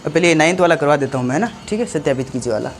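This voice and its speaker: A male maths teacher at a blackboard works through a school algebra problem step by step, posing questions and answering them himself. His fairly high voice is expressive and rapid-fire, with faint music behind.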